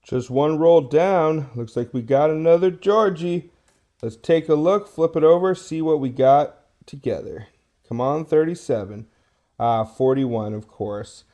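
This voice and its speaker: A man's voice: fairly high pitch, a little slow, dark tone. A man giving casual hobby vlog commentary to his viewers, full of awed exclamations. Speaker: host of a coin roll hunting video.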